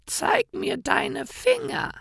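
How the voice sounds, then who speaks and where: A wicked old witch from a storybook screeches in a very high, slow, sneering voice, as a man puts her on. Her lines sound dry and close, with no room around them. The cackling tone swings wildly up and down. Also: sing-song, creaky, sharp tone, no echo, full character voice. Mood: harsh scolding. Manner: high falsetto, drawn-out and sneering. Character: wicked old female witch, sly then cruel.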